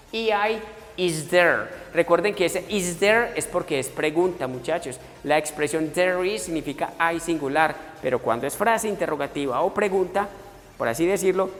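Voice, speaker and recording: A man's voice: fairly high pitch, expressive, moderate pace, fairly bright tone. Patient male English teacher, echoey room. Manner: explains step by step, addressing students as muchachos and voicing their questions. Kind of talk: recorded classroom lesson. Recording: echoey room with faint music.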